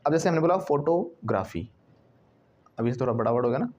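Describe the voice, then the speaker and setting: A man teaching a bilingual English lesson in a classroom. He prompts a student to repeat phrases, checks "right?" often, and says words over and over slowly to drill their pronunciation. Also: medium pitch, animated, a little mellow, dull audio.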